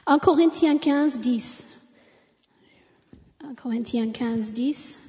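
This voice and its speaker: A woman preaches in French with an American accent, as a native English speaker. Her voice is high and mellow, carried by long hall reverb. She delivers a sermon in an exclamatory way, dotted with amens and hallelujahs. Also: takes it slowly. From United States.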